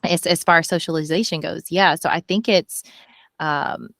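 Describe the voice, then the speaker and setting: A woman in her thirties talks candidly as a podcast guest, earnest and lively. Her voice sits a little low, and she acts out the things people said to her. The recording is dry and close. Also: normal speed, gravelly, no room sound. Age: 30s. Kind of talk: candid conversational interview.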